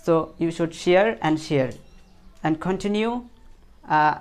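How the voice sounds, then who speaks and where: Woman teaching english pronunciation, bengali accent, talks real slow, says every word over and over, kinda low voice. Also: a little mellow, clean tone. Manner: repeats each word several times for drill; asks the class questions and answers them herself. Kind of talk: spoken English lesson in Bengali.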